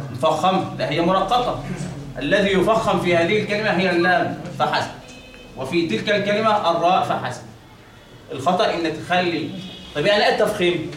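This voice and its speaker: A man's voice: high-pitched, fairly bright tone, a little hiss or hum. A man with an Egyptian accent teaching a class on Quran recitation, quizzing his listeners and answering his own questions. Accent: Egyptian Arabic. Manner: quizzing, asks questions and answers them himself. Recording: echoey room from far off.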